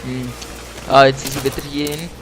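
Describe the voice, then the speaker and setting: A man's voice: mid-range voice, a little fast. A young man with a Swiss German accent, chatting casually and swearing while playing a co-op shooter with a friend. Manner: swearing, laughing, excitable. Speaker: gamer. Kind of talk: casual co-op gameplay chat. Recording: faint game noise behind.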